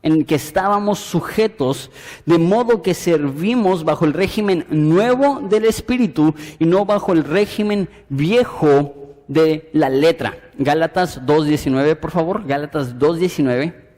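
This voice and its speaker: Male pastor teaching a Bible study, animated, slightly high voice, reverberant hall sound. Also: unhurried. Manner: animated, acts out dialogue and reads scripture aloud.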